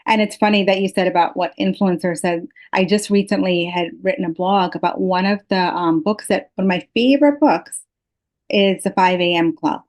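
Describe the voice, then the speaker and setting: A woman with a slightly low voice speaks as a guest in a personal interview. She is from Pakistan and explains herself earnestly and reflectively, in a conversational style. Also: normal speed, darkish tone. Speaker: podcast guest.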